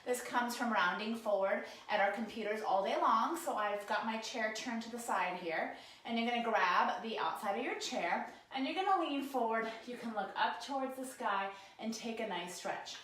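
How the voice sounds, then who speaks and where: A posture and ergonomics instructor, hoarse from a cold, leads a guided desk-stretching lesson to camera, casual and encouraging as she demonstrates each move. Her pitch is fairly high, her tone fairly bright, her pace moderate, and the low-quality camera-mic audio, sometimes turned away, has heavy reverb.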